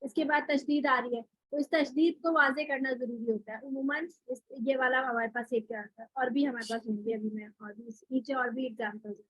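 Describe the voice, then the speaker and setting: A woman's voice: sits high, steady tone, brisk, few pauses, fairly bright tone, no echo, poor audio. A woman teaching Quran recitation in an online class, explaining rules step by step with rhetorical questions and spoken examples.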